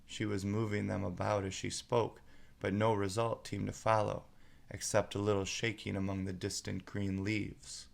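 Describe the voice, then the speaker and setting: A man's voice: fairly low pitch, level tone, moderate pace, gravelly. A man narrating a storybook aloud as a storyteller.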